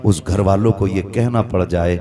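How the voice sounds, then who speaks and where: A man's voice: low-pitched, moderate pace, warm tone. A man with a western Uttar Pradesh accent preaching a sermon at a village gathering, teasing the listeners with humour and strong emphasis. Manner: humorous, teasing the audience, rising and falling emphasis. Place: crowded gathering. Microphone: microphone on a stand. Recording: crowd noise behind.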